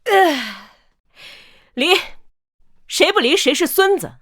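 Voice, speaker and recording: A woman's voice: very high-pitched, big pitch swings, slow, a bit bright, exaggerated voice. An actress playing a fed-up older mother-in-law standing up for herself, pointed and sardonic, in a melodramatic short drama. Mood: scornful.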